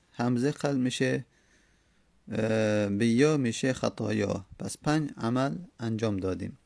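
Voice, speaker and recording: Man, gravelly voice, dry recording, step-by-step grammar lesson. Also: medium pitch, a little mellow, no room sound. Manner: explains step by step, repeats words slowly to drill them. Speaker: teacher of Arabic grammar. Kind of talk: classroom lecture on Arabic morphology.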